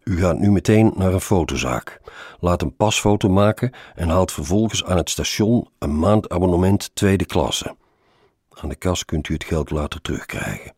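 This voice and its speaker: A stern older company director, formal and patronizing, as a man puts him on. His voice is very deep and gravelly with a husky grain. It sounds dry and close. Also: animated, moderate pace, darkish tone, dry recording, full character voice. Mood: condescending.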